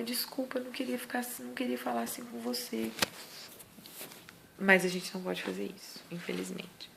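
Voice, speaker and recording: A woman's voice: mid-range voice, vocal fry, a little hiss or hum. A woman with a Brazilian accent, a mother giving parenting advice in a casual vlog, earnest and emphatic. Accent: Brazilian Portuguese. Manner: earnest, emphatic, acts out scolding lines.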